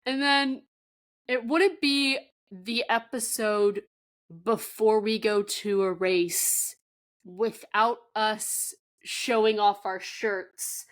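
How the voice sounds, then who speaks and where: Woman, podcast co-host, casual chat, mid-pitched voice, easygoing. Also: steady tone, very slow. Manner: easygoing, chatty, laughs often.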